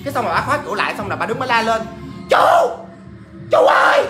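A man telling a ghost story in a chatty, animated way, talking straight to his listeners. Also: high voice, racing, music in the background.

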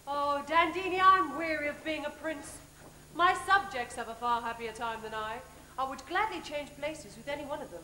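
A young English actress playing a genial, restless young prince in a stage pantomime, projecting every word in a declamatory style. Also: female voice, high voice, normal speed, bright, forceful tone. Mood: wistful. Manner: declamatory, carefully enunciated. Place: large theatre stage, far camera. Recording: echoey, noisy theatre videotape.

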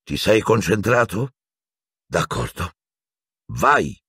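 A man voicing a kind but careful adult wizard teacher in an audiobook, calm and measured. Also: lowish voice, husky, no room sound, studio quality, pitched above the performer's own voice, heavily acted. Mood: steady. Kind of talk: audiobook character voice.

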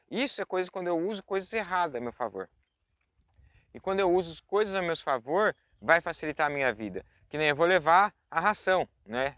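Fast-talking Brazilian horse trainer outdoors. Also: male voice, high-pitched, a bit bright, dry recording. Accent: Brazilian Portuguese. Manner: chatty, addresses viewers directly with frequent tag questions. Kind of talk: outdoor instructional talk. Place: pasture outdoors.

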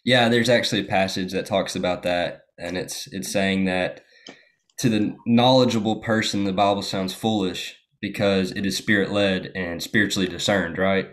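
Low-pitched and moderately paced, this young man from the U.S. is a guest in a casual conversation. He tells his story easily, leaning on plenty of fillers.

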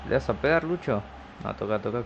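Gravelly Argentine man over loud noisy audio. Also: medium pitch, steady tone, normal speed. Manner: colloquial, partisan cheering on players. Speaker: YouTube gamer commentating his own match. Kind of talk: casual football game commentary. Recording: dull lo-fi audio with loud noise.

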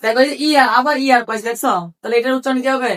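A woman's voice: high voice, fairly even intonation, rapid-fire, a bit bright, distant mic. A woman teaching English reading to a class, spelling words out letter by letter and asking questions that she then answers herself. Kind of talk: classroom lesson.

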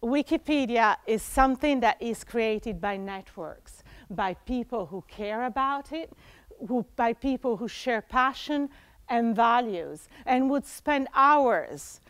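A woman's voice: a little high, slow, no room sound. A woman in her forties from Italy giving a conference presentation, talking with frequent fillers and restarts, on a lapel mic in a conference room. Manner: animated, many fillers and restarts. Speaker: conference speaker.

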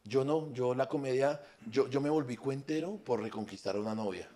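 A man's voice: medium pitch, normal speed, warm tone. A man with a Colombian accent doing improvised stand-up storytelling on a live stage, crude and swearing. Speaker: stand-up comedian. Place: comedy stage at a live show.

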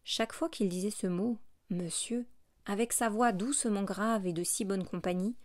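A woman narrates a classic novel as an audiobook in a steady, measured reading voice. Her pitch sits in an ordinary middle range. The recording is dry and close, with no room echo.

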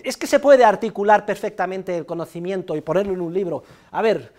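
Lively Spanish professor lecturing a class. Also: male voice, sits high, a little fast. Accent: Spanish from Spain. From Spain. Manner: lively, repeats key points, tags phrases with "¿eh?", scolds students directly. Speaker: economics professor. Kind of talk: university lecture. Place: university classroom.

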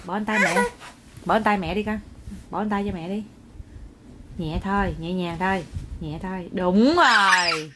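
A woman's voice: fairly low pitch, fairly even intonation, moderate pace, pauses often. Young mother, casual home video, coaxing and scolding, faint background noise. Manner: coaxing, scolding and exclaiming at a toddler. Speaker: mother filming her child.

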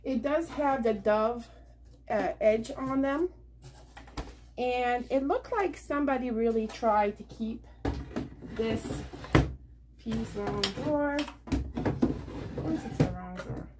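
Speaking slowly, with long pauses and a voice on the high side, a middle-aged woman presents her thrift haul to a camera on a table in her living room. Her casual chat about yard sale finds rambles with fillers, and heavy background noise runs throughout.

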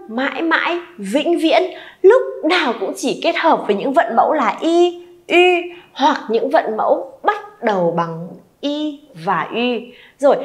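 A Vietnamese woman teaching a language class, leading students through pronunciation drills and encouraging them to repeat aloud. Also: high voice. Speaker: Chinese teacher.

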